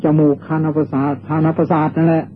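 An older Thai Buddhist monk gives a dharma sermon, his male voice on the high side, monotone and slightly raised. He patiently explains and repeats drawn-out meditation chants. The audio is thin and tinny, like an old tape through a narrow speaker, with faint hiss.

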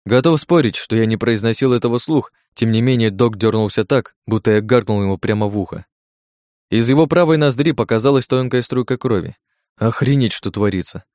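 A man's voice: mid-range voice, a little fast, darkish tone, no room sound, studio quality. A man reading a first-person audiobook in tense, gritty scripted narration.

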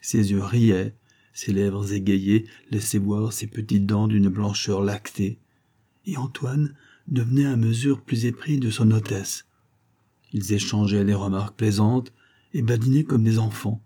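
A man calmly narrating a novel as an audiobook reader, measured and even. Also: lowish voice.

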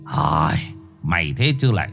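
A man voicing a calm dog that explains things in a lowered voice. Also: a little slow, soft background music, full character voice.

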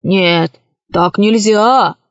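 A woman's voice: mid-range voice, drawn-out words, no room sound, highs cut off. A woman reading a children's storybook aloud and voicing a scheming male pirate who threatens and gives orders. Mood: menacing. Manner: threatening and bossy.

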